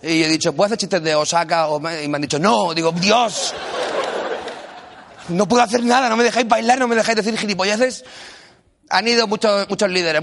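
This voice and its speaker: Man, stand-up comedian, playful mock-serious, slightly high voice, live crowd laughing, noisy stage. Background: audience laughing.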